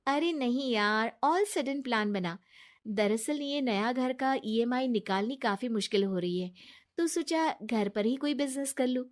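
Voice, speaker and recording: A trusting young wife who means well and reassures everyone, as a woman voices her for a cartoon story. Her voice is fairly high. She speaks earnestly and plainly. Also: lively intonation, unhurried. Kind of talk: animated storybook dialogue.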